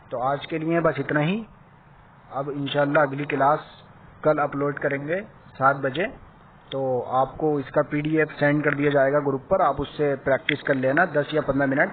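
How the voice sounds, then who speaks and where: A patient man leads a beginners' lesson, repeating every letter sound slowly. His voice comes through thin and phone-like, with a faint hiss underneath. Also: fairly high pitch. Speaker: Quran reading teacher. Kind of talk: slow step-by-step lesson.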